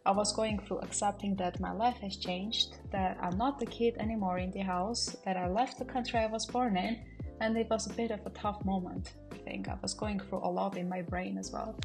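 Speaking at a normal speed with a steady, medium-pitched voice, the young Armenian woman chats to the camera while straightening up her small apartment. She's in her mid-twenties, a vlogger, and comes across as a little nervous and reflective. Soft background music plays, and she's some distance from the camera on its stand.

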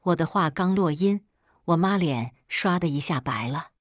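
A woman's voice: on the low side, expressive, normal speed, no echo, studio quality. A woman reading a family drama aloud as a scripted first-person narration, telling it expressively. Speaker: storyteller.

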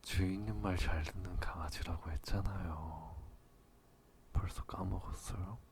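A man playing a teasing, possessive, dominant lover in a whispered role-play, murmuring slowly and switching between coaxing and commanding. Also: low-pitched, fairly even intonation, vocal fry, darkish tone, slight background noise.

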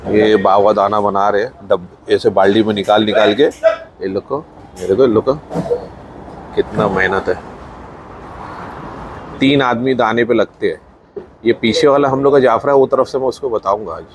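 A man's voice: fairly low pitch, normal speed, long pauses, slight background noise. A man with a Mumbai Hindi accent gives a chatty walkthrough of his farm, filmed on a handheld phone, pointing things out as he goes. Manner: chatty, points things out, mixes in English words. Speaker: farm owner filming his buffalo feeding. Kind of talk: casual walkthrough vlog narration. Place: outdoor farm sheds.

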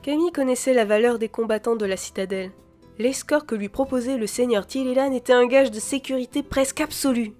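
A woman with a high voice reads a fantasy novel aloud, lively and expressive. She puts on voices for the dialogue, with faint music behind her. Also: brisk. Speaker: audiobook reader.

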